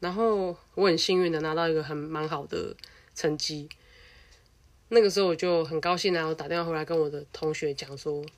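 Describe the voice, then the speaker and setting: A young adult woman with a Taiwanese Mandarin accent, telling a personal story in a blunt, animated, casual way and swearing freely. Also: low-pitched, fairly quick.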